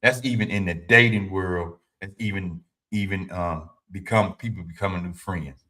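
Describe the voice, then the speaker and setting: Man in his fifties, low and forceful, livestream host with a preachy advice style. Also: normal speed. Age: 50s. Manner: informal and preachy, repeats his points; speaks to viewers directly, answers chat. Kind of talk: motivational talk to a live audience.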